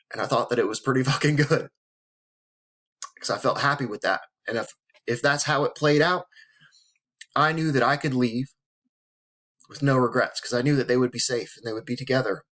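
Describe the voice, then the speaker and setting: With a mid-range voice and fairly bright tone, a male vlogger in his thirties talks to camera. The delivery is earnest, emotional, profane and motivational, pairing blunt swearing with sincere talk as he holds back tears.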